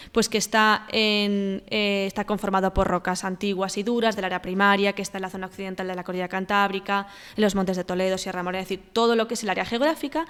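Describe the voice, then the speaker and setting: A woman teacher with a Spanish accent from Spain explains exam answers step by step. She pauses on fillers and keeps checking that her listeners follow. Her voice has a long reverb trailing behind it. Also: medium pitch, smooth. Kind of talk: exam walkthrough lesson.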